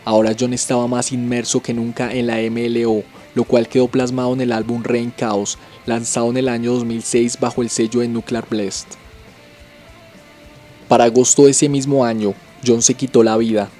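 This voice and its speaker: Man narrating in a flat, dark voice. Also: mid-range voice, moderate pace, soft background music. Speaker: channel host and narrator. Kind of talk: scripted documentary narration.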